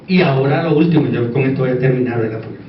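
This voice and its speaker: A man's voice: mid-range voice, fast talker. Echoey, distant Puerto Rican man lecturing informally. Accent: Puerto Rican Spanish. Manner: conversational, repeats words for emphasis, seeks agreement. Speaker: conference speaker. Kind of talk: informal conference lecture with asides. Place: echoey indoor conference room. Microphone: distant microphone. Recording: echoey room, distant dull mic, faint noise.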